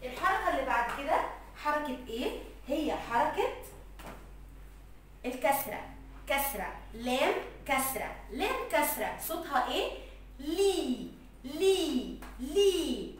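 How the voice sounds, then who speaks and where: High, lively Egyptian woman teaching little children. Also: very echoey, far from the mic, a little hiss or hum. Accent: Egyptian Arabic. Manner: slow, drawn-out sounding of letters and words. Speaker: kindergarten Arabic teacher. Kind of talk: recorded lesson for young children.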